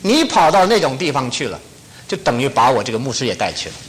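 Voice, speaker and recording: Man playing a stern pastor figure, middle-aged, earnest and pointed, lively pitch. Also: fast talker, breathy edge, rough recording. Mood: reproving. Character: middle-aged male pastor scolding a church member.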